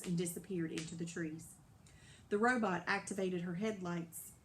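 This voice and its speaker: A woman narrating a children's novel aloud in a lively, dramatic storybook style. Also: mid-range voice, a little hiss or hum. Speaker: audiobook narrator.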